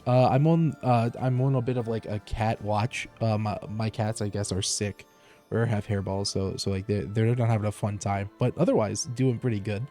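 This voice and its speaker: A man's voice: on the low side, fairly even intonation, normal speed, warm tone, faint music behind. A man streaming from home through a headset mic, chatting casually as he plays, rambling with lots of fillers and restarts. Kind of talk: casual live gameplay commentary.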